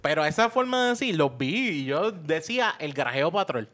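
A Puerto Rican man co-hosting a podcast, telling a funny story in a casual, animated way and acting out the voices. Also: fairly high pitch, moderate pace. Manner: animated, laughing, acts out voices in anecdotes. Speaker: podcast co-host.

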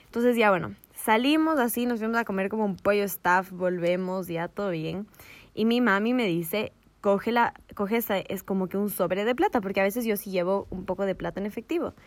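A woman telling a story in casual chat, animated and laughing, dropping in English slang. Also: mid-range voice, normal speed, no room sound.

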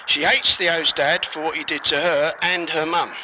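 An actor playing a laid-back, matter-of-fact police sergeant heard through a police radio. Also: male voice, fairly high pitch, steady tone, moderate pace, background noise. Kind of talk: radio drama acting.

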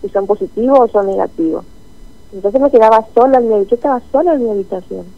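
A woman's voice: a little high, animated, fast talker, vocal fry. Woman, interviewee, earnest, emotional storytelling, muffled lo-fi sound. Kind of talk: telling her experience in an interview. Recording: dull lo-fi line.

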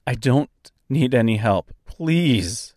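A man's voice: mid-range voice, lively intonation, slow pace, darkish tone, no echo, studio quality. A man voicing Dorothy, a wary, determined young woman who calls out urgently or pleads nervously. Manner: raised, urgent calling.

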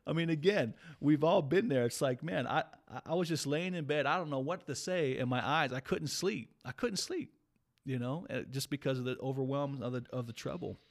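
A man's voice: mid-range voice, brisk, hardly any pauses. Earnest man teaching scripture casually. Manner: earnest, conversational, many restarts. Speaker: pastor or Bible teacher. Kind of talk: casual Bible study chat.

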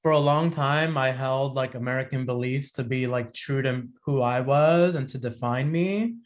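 A man's voice: mid-range voice, normal speed, highs cut off. A man in his thirties, a podcast guest, talking in a reflective, rambling way full of fillers and restarts. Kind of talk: casual conversation.

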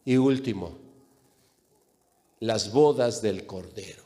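A man's voice: fairly low pitch, slow pace, mellow, big-room sound. A man preaching a sermon with emphasis, repeating phrases and speaking straight to the congregation.

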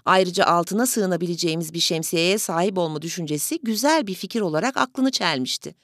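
A woman reading a story aloud in an even, measured storytelling manner. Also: lowish voice, dry recording, studio quality. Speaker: audiobook reader. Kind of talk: scripted story narration.

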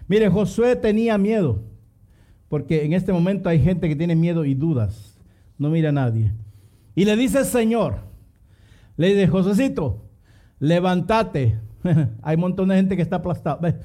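A man's voice: sits high, warm tone. A man preaching a fervent sermon, calling on his listeners to repeat phrases after him and dropping in English exclamations.

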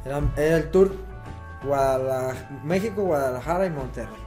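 A man's voice: medium pitch, normal speed, dark tone. A man with a Mexican accent chatting casually and telling anecdotes among friends in slangy speech. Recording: music behind the voice. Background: music.

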